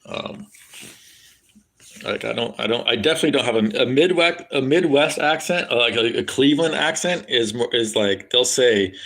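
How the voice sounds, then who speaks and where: A man with a standard American accent rambles casually to his live stream viewers, swearing freely and using plenty of fillers. His voice sits in the mid range and is fairly bright, with lively intonation at a moderate pace.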